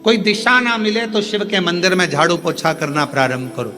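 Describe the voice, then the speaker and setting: An Indian man preaching a live devotional sermon, swinging between low murmurs and soaring high calls, with rhythmic chant-like repetition. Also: normal speed. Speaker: kathavachak preacher. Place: large outdoor religious gathering.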